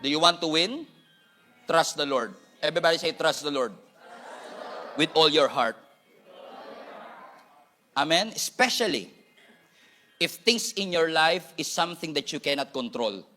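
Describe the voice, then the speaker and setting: A man's voice: on the high side, lively intonation, a little slow, pauses often, sharp tone, a little hiss or hum. A Filipino man preaching a sermon as pastor, with a Filipino accent, mixing Tagalog and English and joking with the congregation. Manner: switches between Tagalog and English, jokes with congregation.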